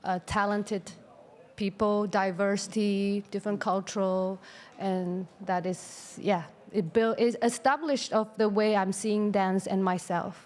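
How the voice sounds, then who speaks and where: A woman speaks as a guest on a live radio session, casually recounting her career as a dancer. She tells it as a lively story and acts out what people said to her. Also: mid-range voice, measured pace. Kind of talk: casual interview talk.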